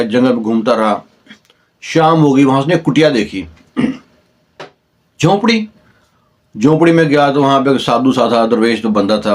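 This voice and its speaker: A man with a Pakistani Urdu accent telling a long village story in a conversational way, briefly voicing the people in it. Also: medium pitch. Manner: conversational, acts out dialogue in the telling. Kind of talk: oral storytelling.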